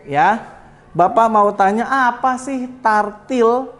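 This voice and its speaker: A man's voice: extremely high pitch, slow pace, a bit bright. A man teaching a class of pupils, calling himself Bapak and joking with them in a classroom. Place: school classroom.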